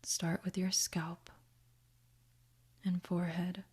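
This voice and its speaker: Speaking in a soft, half-whispered voice, a woman guides a meditation, offering each gentle instruction very slowly. Her tone is dark, mellow and slightly rough, with pitch that barely shifts, and her manner stays soothing and unhurried.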